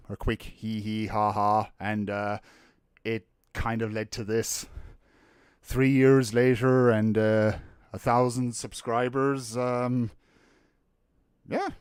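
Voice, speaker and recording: A man's voice: mid-range voice, clean tone, no echo, studio quality. A man chatting casually on his live stream, rambling, swearing freely and greeting viewers by name, a bit out of breath.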